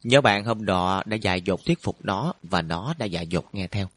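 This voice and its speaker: A man narrating a storybook in a steady, even way. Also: low voice, moderate pace, slightly rough, no echo. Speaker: audiobook narrator.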